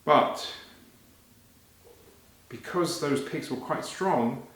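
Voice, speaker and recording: A man performing a story live for children, animated and talking to them directly, halting and repeating phrases as he goes. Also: on the high side. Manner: animated, addressing children with questions. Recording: very echoey, reverberant room.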